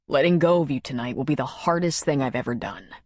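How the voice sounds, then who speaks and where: A woman narrator voicing a lovesick former marine, speaking softly and urgently in a low register. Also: fast talker, no echo, studio quality. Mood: tender, pleading.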